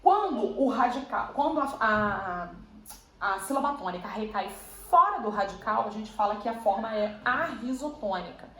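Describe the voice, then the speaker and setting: A woman teacher with a slightly high voice walks through grammar patiently, often checking in with her listeners. Her voice rings in an echoey room. A faint hum of ambience sits behind her. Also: animated, normal speed, pushed and bright. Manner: patient, explanatory, repeats and checks with "tá?" and "né?". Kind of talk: grammar lesson.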